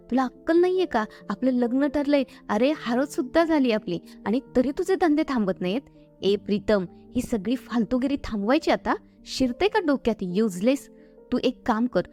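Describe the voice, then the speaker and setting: A woman voicing a spoiled, bossy young bride-to-be who shouts and taunts, over faint background music. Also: fairly high pitch, animated, fairly quick, hardly any pauses, natural voice. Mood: yelling.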